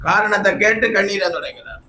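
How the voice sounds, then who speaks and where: Male preacher, recovering from illness, high-pitched bright delivery, faint room ambience. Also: fairly quick, slight background noise. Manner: fervent preaching, often shouting hallelujah. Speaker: pastor. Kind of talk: sermon. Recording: echoey church hall, faint ambience.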